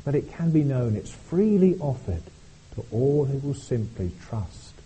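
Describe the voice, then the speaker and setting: A man's voice: medium pitch, sing-song, dark tone, breathy edge, rough recording. A man preaching a sermon at a church service, speaking earnestly and often repeating words as he goes. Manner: earnest, halting delivery with frequent repeated words.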